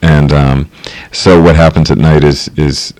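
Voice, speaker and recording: Super deep guy, flat monotone, rambly and hesitant, lots of ums. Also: a little slow. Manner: rambling, hesitant, with many fillers and restarts. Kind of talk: casual conversation.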